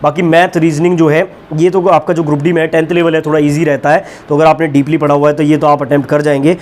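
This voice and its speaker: A man's voice: a little high, level tone, quick pace, darkish tone. A young man hosting an exam-prep channel, sharing his own experience and giving direct, earnest advice to viewers in a casual talk. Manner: earnest, direct, reassuring with "ठीक है ना" asides.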